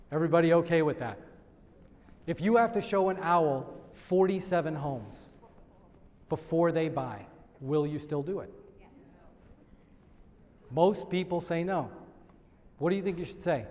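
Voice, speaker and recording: Guy running a sales training event, keeps quizzing the room, lots of laughs, voice rings in a big hall. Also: on the high side. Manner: energetic, asks the crowd questions and laughs. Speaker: real estate sales trainer. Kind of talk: live seminar talk to an audience. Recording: long hall reverb.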